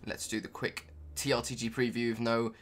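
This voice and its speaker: A man's voice: mid-range voice, little pitch movement, fairly quick, fairly bright tone. A young man giving casual, rambling commentary over his card-game footage, full of ums and offhand remarks. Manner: rambling, filler-heavy, offhand. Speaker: gaming YouTuber.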